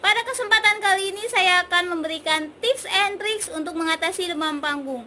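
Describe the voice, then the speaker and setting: A young woman in her twenties from Indonesia, a communication student, leads an instructional vlog on public speaking. Her voice sits very high and bright, and she explains each exercise clearly, step by step. A faint hiss of background noise runs under the recording. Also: fairly quick. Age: 20s.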